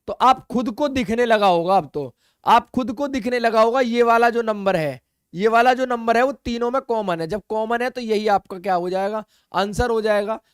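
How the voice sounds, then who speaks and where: A man teaching reasoning in an exam-prep video lesson, brisk and coaxing, repeating key phrases. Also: sits high, clean tone, dry recording, studio quality.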